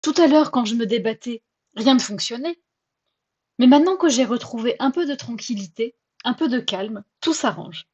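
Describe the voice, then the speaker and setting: A woman hosting a personal podcast, telling her own story in a chatty, self-mocking and expressive way. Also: on the high side, normal speed, husky, dull audio. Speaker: podcast host.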